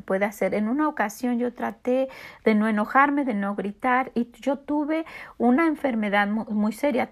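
A woman's voice: fairly high pitch, gravelly. A woman giving a conversational Bible teaching on her podcast, reading verses aloud and explaining them earnestly, often repeating and restarting her words.

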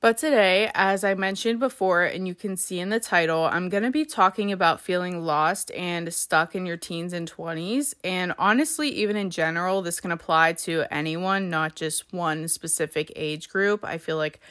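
A woman's voice: fairly low pitch, moderate pace, hardly any pauses, fairly bright tone. A woman in her twenties from the US East Coast hosting a casual solo podcast, chatty with lots of "like" and "um" fillers, a little congested from a coming cold. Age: 20s. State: slightly congested, getting a cold. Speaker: podcast host.

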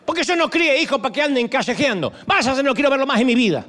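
A man's voice: very high voice, expressive, quick pace, fairly bright tone, long reverb tail, pitched above the performer's own voice. A man voicing his scolding, overprotective mother, a middle-aged woman who nags and fusses as she throws her son out.

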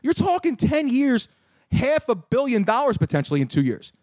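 Man, thirties, sports talk host, animated rant, high pitch, dry recording. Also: normal speed, dry recording. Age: 30s. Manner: animated, ranting, repeats words. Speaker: podcast host.

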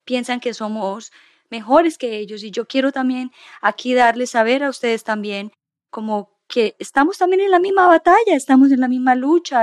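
A woman's voice: fairly high pitch, no echo. Reflective woman in a dry recording. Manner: reflective, mixes English fillers into Spanish. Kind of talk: casual conversation.

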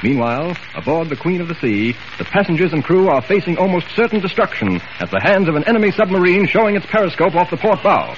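A man's voice: high-pitched, sing-song, quick pace. A man narrating a 1940s radio drama in a dramatic storytelling manner, heard as an old radio show broadcast. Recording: muffled hissy 1940s radio transcription.

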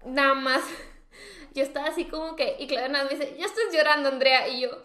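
Young Mexican woman, casual animated co-host, high pitch, echoey room. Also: brisk. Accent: Mexican Spanish. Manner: animated, acts out reactions. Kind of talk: casual storytelling chat.

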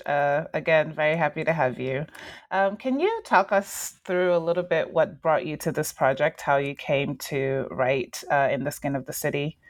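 A woman's voice: deep voice, no echo. A woman hosts an academic podcast, interviewing conversationally with somewhat hesitant phrasing. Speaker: podcast host.

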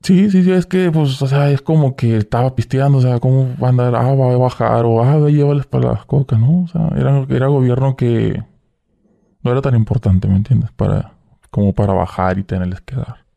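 A man's voice: mid-range voice, brisk, vocal fry, dark tone. A young man, a guest in a casual interview, telling his story in slang and acting out the dialogue. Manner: slangy, acts out quoted dialogue. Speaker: guest, former cartel worker.

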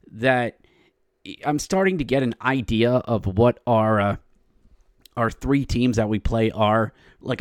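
A man's voice: mid-range voice, clean tone, no echo, clean studio sound. A man hosting a sports podcast gives a casual, opinionated game recap in a wry, colloquial way with short emphatic phrases.

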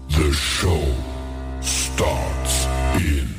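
Give me a very slow male announcer over a PA system, with loud music and echo. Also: very deep voice, gravelly. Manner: slow, drawn-out, shouted delivery. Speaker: announcer for a show intro. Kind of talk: stadium-style countdown announcement. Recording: echoey, distant, with loud music.

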